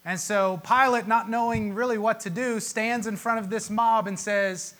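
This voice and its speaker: Man, pastor, sermon, emotional, dramatic pauses, high bright tone. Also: steady tone.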